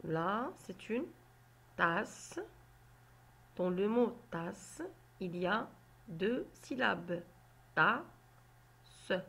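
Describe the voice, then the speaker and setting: A woman teaching a phonics lesson to children, sounding out syllables slowly and deliberately. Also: mid-range voice, creaky, a bit bright, breathy edge. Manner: slow, deliberate, spelling out syllables.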